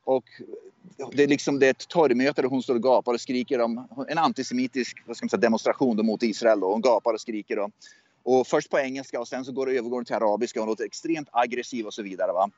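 A man's voice: medium pitch, steady tone, a little mellow, dry recording, muffled recording. A man in casual political chat, speaking as a US correspondent, often hesitant, repeating and restarting his words. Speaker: USA correspondent. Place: southwestern USA.

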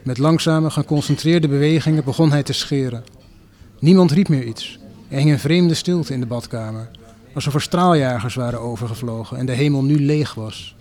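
A man narrating a first-person literary story in a measured, deliberate way. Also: mid-range voice, darkish tone. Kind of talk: literary reading.

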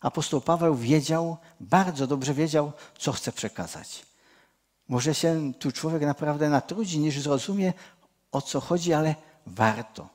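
A man's voice: on the high side, a little mellow. A man preaching a sermon from the area. He talks earnestly to the congregation, often restarts a phrase, and lifts his voice when stressing a point. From Czech Cieszyn region.

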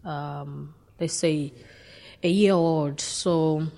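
A woman from Zambia being interviewed, speaking in a halting, hesitant way. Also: low voice, steady tone. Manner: halting, hesitant, soft-spoken.

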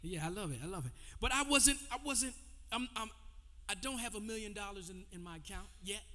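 A man's voice: high-pitched, fairly quick, sharp tone. A man in his forties preaching a sermon, loose and conversational, calling out to the congregation between testimony. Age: 40s. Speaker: pastor. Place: church sanctuary. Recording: long hall reverb.

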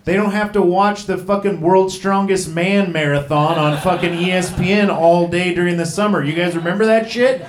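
On a comedy club stage, a man in his thirties with a high voice does a rambling, profane stand-up set full of self-deprecating jokes. He speaks at a moderate pace with fairly even intonation and few pauses, and the sound is roomy.

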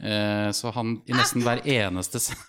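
A man's voice: on the low side, fairly even intonation, fairly bright tone, clear, resonant tone. A young man, an actor, chatting as a podcast guest with dry humor and lots of hesitant fillers. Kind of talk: casual chat.

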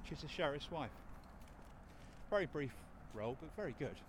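A man's voice: a little high, lively intonation, normal speed. A man hosting a walking tour, talking in a rambling, enthusiastic way with lots of fillers. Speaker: podcast host and tour guide. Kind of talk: chatty walking-tour talk. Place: busy city street outdoors, walking. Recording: loud traffic and building noise.

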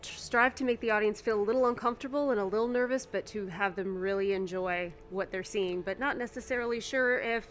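A woman performer chats in an interview with her mouth covered by a mask, so her speech comes out muffled. Her pitch is average, and faint music plays behind her. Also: brisk, hardly any pauses. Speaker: burlesque performer being interviewed. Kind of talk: casual interview.

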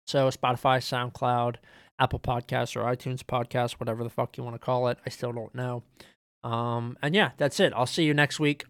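Fast-talking casual young man. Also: mid-range voice, a bit bright, clear, resonant tone, dry recording, studio quality. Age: young adult. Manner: fast, casual, with frequent ums. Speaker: podcast host. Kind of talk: solo sports betting picks rundown.

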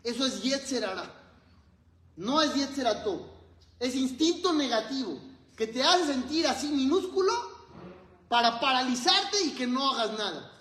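A man's voice: very high-pitched, expressive, normal speed, fairly bright tone, roomy sound, poor audio. A man, a rabbi, giving a sermon and telling stories with acted-out dialogue. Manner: storytelling, acts out dialogue in quotes.

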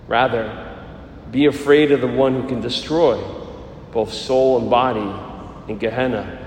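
A man preaching from the pulpit of a large church, his mid-pitched voice ringing out into a long, echoing reverb. He speaks in a measured way and slows down to stress key lines. Faint church ambience sits behind him. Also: slight background noise. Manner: measured, slowing down for emphasis. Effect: echoing church acoustics. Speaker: priest. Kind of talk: gospel reading and sermon.

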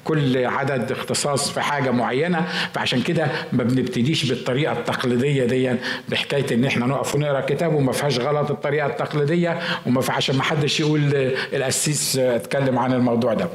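Fast-talking Egyptian pastor in an echoey hall. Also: male voice, mid-range voice. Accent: Egyptian Arabic. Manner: animated, acts out voices of fearful people. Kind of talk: sermon.

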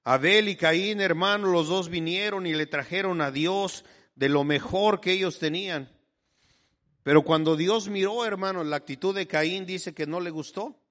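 A man preaches with fervor, leaning on "brother" as he drives each point home. His voice sits on the high side for a man. It rings out with a long reverb, like a church hall. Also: normal speed, a bit bright. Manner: fervent preaching, addressing listeners as brother constantly. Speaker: pastor. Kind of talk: sermon.

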